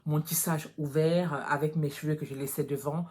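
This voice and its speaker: A woman's voice: low voice, steady tone, fairly quick, a little mellow. Frank woman vlogger talking straight. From France. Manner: frank and direct, addressing viewers as girls. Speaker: natural hair vlogger. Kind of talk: casual vlog talk to viewers.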